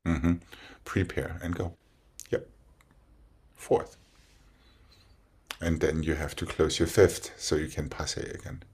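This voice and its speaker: Deep, gravelly man calling out ballet steps rhythmically. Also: fairly even intonation, slow pace, long pauses, darkish tone. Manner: directive, counting out steps in short rhythmic phrases. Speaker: ballet teacher. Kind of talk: dance instruction, calling out combinations.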